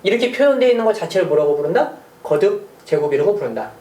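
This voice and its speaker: A teacher talks through a math lesson with a voice that swings lively up and down, throwing out questions and little jokes. The sound is roomy, picked up from a little distance. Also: mid-range voice, quick pace. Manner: chatty, asks rhetorical questions, small jokes. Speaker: middle school math teacher. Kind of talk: recorded online math lecture.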